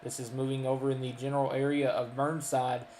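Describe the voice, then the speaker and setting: A man's voice: mid-range voice, flat delivery, a little fast, darkish tone, echoey room, a little hiss or hum. A man with a Kentucky accent giving live storm radar commentary, folksy and full of ums and uhs as he lists towns. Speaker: storm chaser and weather streamer.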